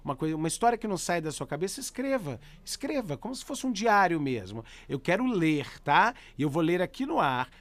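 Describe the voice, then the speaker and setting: A Brazilian-accented man hosts a pet podcast, speaking directly to listeners in an exclamatory, effusive, informal style as he chats and reads stories. His voice is fairly high and sing-song, fast with few pauses and a fairly bright tone. There is no echo, and background music plays underneath.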